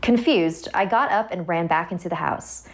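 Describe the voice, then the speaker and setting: A woman's voice: fairly low pitch, moderate pace, a little hiss or hum. A woman narrating a scripted first-person horror story, with music behind her voice.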